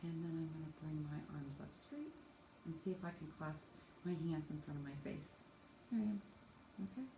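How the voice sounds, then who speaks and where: Speaking at a moderate pace in a deep voice, a woman instructs children in yoga stretches, showing each pose and offering simple, encouraging guidance step by step. Faint noise and echo fill the room.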